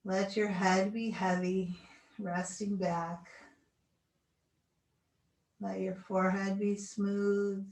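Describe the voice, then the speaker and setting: A woman leading a guided relaxation as an instructor, speaking in a soothing, gentle, unhurried way. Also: medium pitch, level tone. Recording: roomy echo, distant mic, video call recording.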